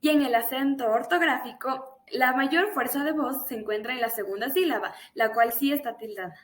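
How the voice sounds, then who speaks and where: Young woman student, high voice, steady read-through of grammar rules. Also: normal speed. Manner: steady explanatory reading of rules. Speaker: university student presenter. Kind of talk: read-aloud class presentation.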